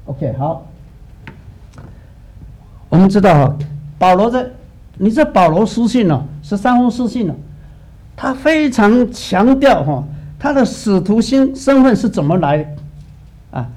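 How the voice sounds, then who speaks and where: A middle-aged male pastor preaching a sermon, telling lively stories and acting out the dialogues. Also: high-pitched, measured pace, pauses often.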